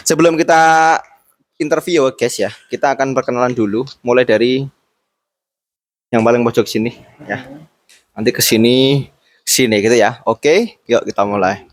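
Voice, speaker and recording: A man's voice: medium pitch, no echo. Young man from Boyolali joking as host. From Boyolali, Central Java. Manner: playful, jokey, mixes in Javanese words. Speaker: host interviewing classmates. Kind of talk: casual school interview chat.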